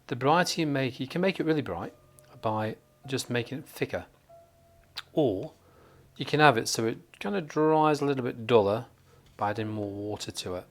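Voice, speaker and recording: A man's voice: medium pitch, animated, normal speed. A man from northern England giving a live watercolour tutorial, chatting and joking as he thinks aloud while painting at a desk under studio lights.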